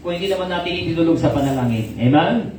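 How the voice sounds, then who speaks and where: Filipino pastor guy preaching, high voice, shouts then goes soft, big echoey hall, bit far off the mic. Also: quick pace. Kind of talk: sermon. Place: church hall. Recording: very echoey hall, mic at distance, faint noise.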